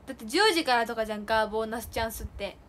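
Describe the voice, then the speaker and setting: A bubbly young woman with a high voice chats and giggles at her viewers during a solo livestream. Faint rain sounds in the background around her. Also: fairly even intonation, very fast, a bit bright, a little hiss or hum. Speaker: idol livestream host. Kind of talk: casual solo livestream chat. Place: indoors during heavy rain. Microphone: phone or streaming mic.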